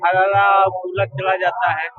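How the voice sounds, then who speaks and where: A man's voice: high-pitched, little pitch movement, measured pace. A man respectfully putting a doubtful question to a guru, addressing him as 'baba ji'. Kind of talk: conversational questions. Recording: tinny phone-like sound with clear music.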